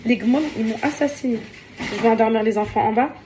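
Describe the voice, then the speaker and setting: A woman's voice: a little high, fairly quick, background noise. A tired young woman in casual vlog chat, venting and exasperated, often repeating herself. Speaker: vlogger. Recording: household clatter behind.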